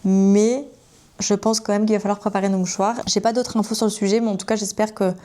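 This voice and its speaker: A young woman in her twenties from France, talking to camera as a book vlogger in a chatty, gushing way. Her tone is mellow and soft at a middling pitch. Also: flat delivery, brisk. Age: 20s. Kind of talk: casual chat to camera.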